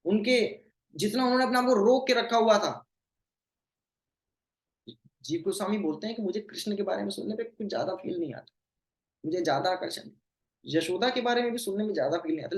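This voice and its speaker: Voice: mid-range voice, expressive. Devotional teacher in a roomy echo. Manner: recites Sanskrit verses slowly, then explains them; mixes English phrases into the talk. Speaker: scripture teacher. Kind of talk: devotional scripture class.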